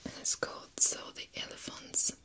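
A young woman reads in an ASMR style, never rising above a whisper. The sound is binaural and close, moving ear to ear. Her delivery is soft and unhurried. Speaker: ASMR host. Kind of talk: whispered ASMR book reading. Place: small indoor room. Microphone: close binaural microphone in a plush cover.

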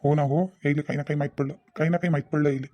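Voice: mid-range voice, little pitch movement, very fast, muffled recording, natural voice. A performer voicing a nervous young village man in a cartoon, pleading. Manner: pleading, defensive.

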